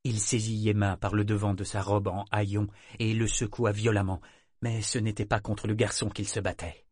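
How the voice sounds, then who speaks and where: A man reading a novel aloud in a steady, measured storytelling manner. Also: fairly low pitch, slightly rough, dry recording, studio quality. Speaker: audiobook narrator. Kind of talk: scripted narration.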